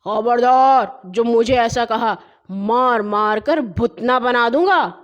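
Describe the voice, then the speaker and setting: A woman's voice: on the high side, lo-fi sound, close to an everyday voice. A woman voicing a hot-tempered male cobbler who roars threats. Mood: furious. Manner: roaring threats.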